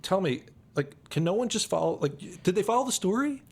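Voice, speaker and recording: A man co-hosting a podcast, chatting casually and animatedly about movies, quick to joke and react. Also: high-pitched, very animated, darkish tone, husky. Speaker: podcast co-host. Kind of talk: casual film discussion.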